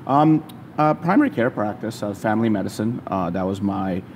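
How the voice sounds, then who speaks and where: A family physician, born in Zambia and raised in New Jersey, answers interview questions as a guest, hesitant and plain-spoken with lots of uh's and um's. His fairly low voice is expressive, brisk, and a little mellow, with slight background noise.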